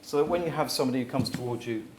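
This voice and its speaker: At a live talk in an echoey hall, a man with a mid-range voice speaks very fast, energetically leading the audience through exercises and sometimes breaking into loud calls. He is far from the mic, and crowd noise fills the background.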